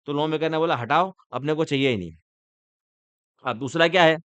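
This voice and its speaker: A man's voice: fairly high pitch, fairly quick, a bit bright, clean tone, no echo, muffled recording. A man teaching company law in a joking lecture style, teasing the class and firing off rhetorical questions.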